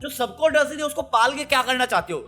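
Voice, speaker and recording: A man's voice: very high-pitched, lively intonation, fairly quick, pushed and bright, faint music behind. A man giving blunt, heated, sarcastic commentary on a reality show. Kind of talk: ranting commentary.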